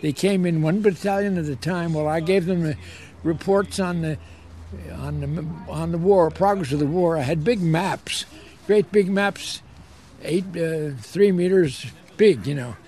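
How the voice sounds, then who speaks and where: Recalling his military service in an interview, an old American veteran, 80 or older, speaks in a warm, fairly high-pitched voice. He takes his time and repeats words to emphasize them.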